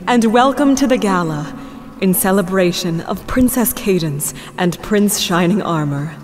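A woman's voice: medium pitch, a little mellow, lightly acted. Woman as regal Princess Celestia, echoing hall. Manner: formal, stately. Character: gracious, regal female pony princess ruler. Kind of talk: animated fan series voice acting, ceremonial speech. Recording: long hall reverb.

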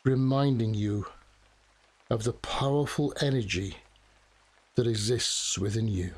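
A man narrating a guided relaxation meditation in a soft, soothing, measured manner with long pauses. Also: medium pitch, slightly rough. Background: steady rain.

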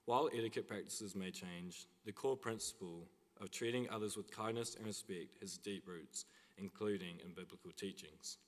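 Young man's deep voice in a reverberant chapel. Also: moderate pace. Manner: earnest, reads from notes with small restarts. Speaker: student chapel speaker. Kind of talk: prepared chapel address. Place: large school chapel, at a lectern. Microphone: lectern mic. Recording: long hall reverb.

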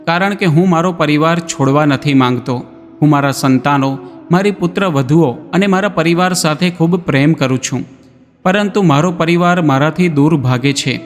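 A man's voice: a little high, moderate pace, natural voice. A male narrator voicing a grieving old village man who pleads with folded hands. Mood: pleading. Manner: imploring, tearful pleas. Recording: long reverb, background music.

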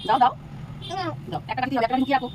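Mother vlogger, high voice, patient and repetitive, home recording with faint noise. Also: steady tone, very fast. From Bengal. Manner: patient, repeating instructions gently. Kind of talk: home vlog narration and coaching a child. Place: home, indoors.

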